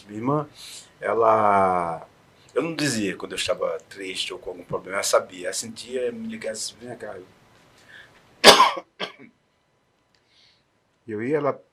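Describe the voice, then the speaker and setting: As a guest in an interview, a man shares a heartfelt, emotional story from his own life, alternating between quiet moments and loud, encouraging ones. He has a fairly low pitch and a breathy edge.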